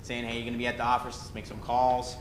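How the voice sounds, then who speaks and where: A man giving a sincere shout-out to coworkers at a meeting, with a few hesitations. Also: monotone, fast talker. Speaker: real estate agent. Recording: echoey room, faint rumble.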